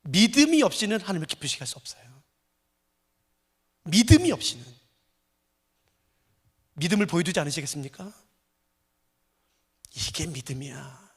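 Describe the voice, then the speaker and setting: A middle-aged man preaching a sermon as pastor, telling stories with animated swings from hushed to loud. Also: fairly high pitch, moderate pace, long pauses, breathy edge. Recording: long reverb of a large church hall.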